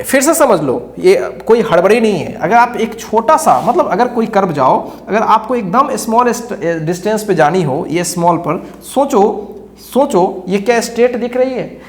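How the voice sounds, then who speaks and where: A male teacher giving a lecture who keeps quizzing his students with rhetorical questions and repeats key phrases as he explains. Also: high-pitched. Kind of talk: classroom lecture. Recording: echoey room.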